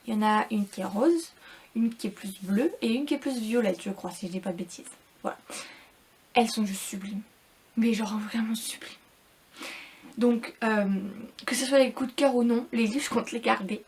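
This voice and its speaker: A woman's voice: fairly high pitch, a little mellow, breathy edge. A young woman, reviewing a book in a casual, rambling vlog full of repeats and fillers.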